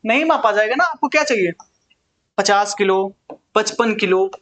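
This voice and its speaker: High-voiced male teacher, questioning himself. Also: expressive, normal speed, fairly bright tone. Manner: asks questions and answers them himself, often says "bhai sahab". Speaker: physics teacher. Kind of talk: casual classroom lesson.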